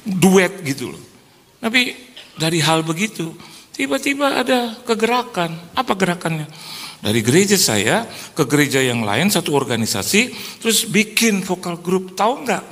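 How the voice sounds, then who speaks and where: Male pastor, lively storyteller, bright voice, echoing church hall. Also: high voice, normal speed. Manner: animated, acts out quoted voices, laughs often. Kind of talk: humorous sermon storytelling. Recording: hall reverb with faint noise.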